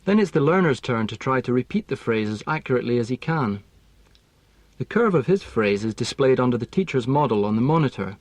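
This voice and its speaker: Man explaining pronunciation stuff slowly and precisely, dry close recording. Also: mid-range voice, lively intonation, no room sound. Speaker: language teaching expert. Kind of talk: scripted explanatory lesson.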